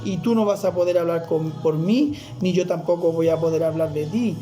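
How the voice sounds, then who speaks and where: High-voiced fervent man preaching. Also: fairly even intonation, normal speed, warm tone, faint music behind. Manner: fervent preaching, often addresses listener as brother. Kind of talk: sermon.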